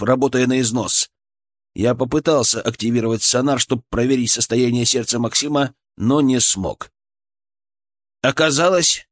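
A man reading a fantasy audiobook in the first person, telling a tense story in a dramatic way. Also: mid-range voice. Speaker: audiobook narrator.

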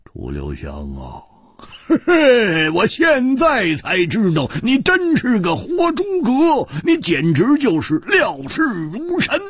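A man voicing a brash, excitable young male swordsman who talks in loud, stammering bursts. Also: on the high side, moderate pace, breathy edge, no echo, clean studio sound, pitched above the performer's own voice, exaggerated voice. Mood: amazed.

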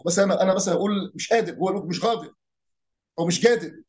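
A man's voice: high voice, very fast, darkish tone. A man with an Egyptian accent casually explaining regional dialects, asking rhetorical questions and imitating local pronunciations. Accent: Egyptian Arabic. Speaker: speaker on Arabic dialects and folk heritage.

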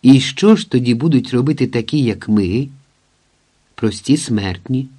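A man's voice: medium pitch, measured pace, warm tone, natural voice. A man voicing Vadym, a jovial man who teases and pokes fun with mild mockery in an audiobook. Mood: teasing. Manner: joking, mildly mocking. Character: jovial, teasing, skeptical man at breakfast.

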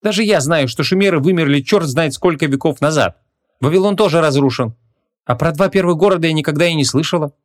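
A man voicing a bold, sharp-tongued young woman who talks brashly and with disbelief. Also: fairly high pitch, fast talker, pitched above the performer's own voice, close to an everyday voice. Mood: incredulous. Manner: brash, incredulous.

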